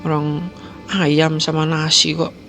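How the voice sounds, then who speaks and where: An indignant young village wife protests in a raised voice, put on by a male storyteller. She sounds puzzled and defensive, and a gravelly edge stays under the raised pitch. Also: completely flat delivery, takes it slowly, fairly bright tone, soft background music.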